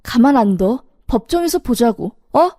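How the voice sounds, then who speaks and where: A woman's voice: on the high side, animated, normal speed, dark tone, no echo, studio quality. A woman voicing a furious middle-aged mother. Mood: angry. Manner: accusing, indignant.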